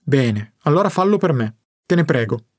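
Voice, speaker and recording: A quiet elderly grandfather, voiced by a male audiobook reader, speaks in a low, controlled, nearly monotone way. The voice sits a little high for a man. It is recorded close and dry, with no room sound. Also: moderate pace, no echo. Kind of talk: audiobook narration.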